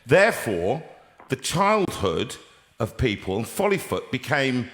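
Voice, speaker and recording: Lively older British man, bright voice. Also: medium pitch, unhurried. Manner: lively, jokey, rambling. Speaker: show host. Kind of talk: casual chatty interview.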